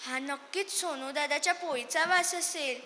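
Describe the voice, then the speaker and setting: A woman's voice: sits high, moderate pace, bright, forceful tone, slight background noise. A woman voicing two small lazy mice, eager and whiny, on a stage. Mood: dodging. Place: stage in a hall. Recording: echoey hall.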